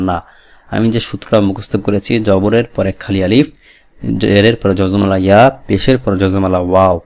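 Man, Quran reading teacher, low voice, slow drilled syllables, earnest explanations. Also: darkish tone. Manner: spells out letters and vowel marks, then drills syllables slowly and repeats them; explains rules plainly and earnestly, urging students to read along. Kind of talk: step-by-step recitation lesson.

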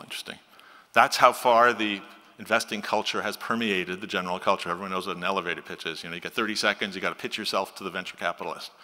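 A man's voice: lowish voice, sharp tone, in a large hall. A man in his sixties giving a conversational conference keynote from a podium on a large auditorium stage, speaking into a podium mic on a stand.

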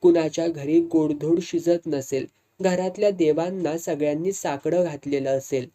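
A woman reading a story aloud in a steady, measured way. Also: sits low.

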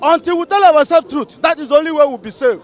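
Indignant middle-aged Nigerian man, very high pitch, street vox pop. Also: quick pace. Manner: indignant, rhetorical questions. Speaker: passer-by in street interview. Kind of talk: heated street opinion. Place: busy city street outdoors. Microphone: handheld mic held by interviewer.

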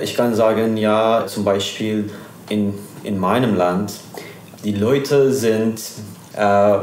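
A young man from Iran with a Persian accent, speaking German haltingly as an interview guest, searching for words with many fillers. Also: on the low side, darkish tone, roomy sound, slight background noise.

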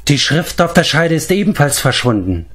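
A man putting on a bright, high-pitched young princess from a fantasy storybook, quick and lively. She sounds excited and animated, her voice lifting well above a man's usual register. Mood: eager.

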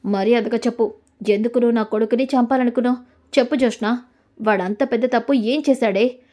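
Sharp-tongued old grandmother, interrogating, mellow tone; a woman performs her. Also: a little high, steady tone, brisk, natural voice. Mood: demanding.

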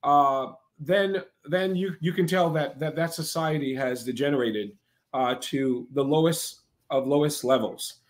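A male preacher and broadcast host preaches to a live online audience in a high-pitched voice, speaking a little slowly. His delivery is emphatic and repetitive, and he constantly checks in with listeners through frequent "right?" asides.

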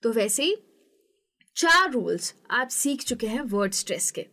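A young woman teaching an English lesson, explaining patiently step by step and saying example words slowly. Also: on the high side, very animated, bright, forceful tone.

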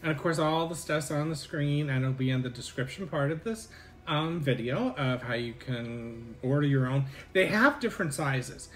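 A man's voice: mid-range voice, expressive, normal speed, a bit bright. A man hosting a casual snack unboxing, chatting candidly about the cost of the box. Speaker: channel host.

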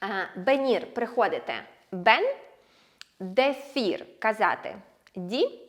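A woman with a slightly high voice gives a patient, step-by-step grammar lesson. She slows right down whenever she says the example words, as if dictating them to her students. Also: lively intonation. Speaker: Spanish teacher. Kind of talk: language lesson explanation.

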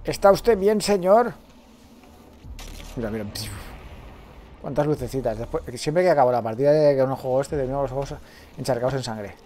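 A man, a let's play streamer giving excitable gameplay commentary and talking to himself. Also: medium pitch, quick pace. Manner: excitable, swears freely, talks to himself.

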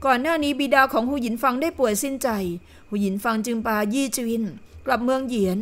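A woman voicing a gossiping lady in purple in an audio novel, speaking in a low, conspiratorial voice. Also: fast talker, close to an everyday voice. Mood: confiding. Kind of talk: audiobook character voice.

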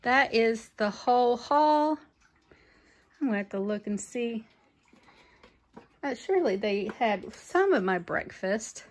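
A woman showing off her groceries in a casual home vlog, chatty and unhurried, with frequent ums. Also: on the high side, animated. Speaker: vlogger, mother. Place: home kitchen.

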